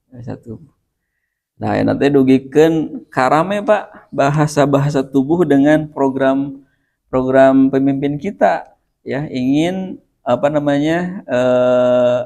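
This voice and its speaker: A middle-aged man with a Sundanese accent preaches in a relaxed, conversational way. He recites Arabic phrases slowly, then explains them with light chuckles. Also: medium pitch. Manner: mixes Arabic recitation with Indonesian, chuckles often. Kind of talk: sermon.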